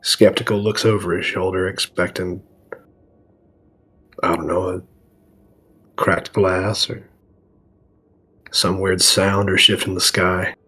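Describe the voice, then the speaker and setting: A man with a low, husky voice that has a froggy croak to it. He talks casually as a player at a tabletop game, sometimes narrating what his character does. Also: flat delivery, slow, pauses often, sharp tone.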